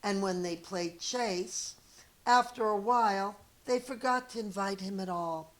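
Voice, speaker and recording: Here a middle-aged teacher, speaking in a mid-range voice, shares a children's picture book aloud. She takes it deliberately and expressively, pausing for chatty little asides.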